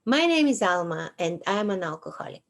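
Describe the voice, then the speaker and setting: Her mid-range voice is sing-song and creaky as this Bulgarian-accented woman in her sixties reads her memoir on the couch at home. She hosts her own show and reads slowly and deliberately, with a dry sense of humor.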